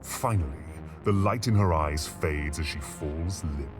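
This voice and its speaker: A man's voice: a bass voice, a little slow. A man reading scripted, dramatic narration as the narrator of a game. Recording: music behind the voice.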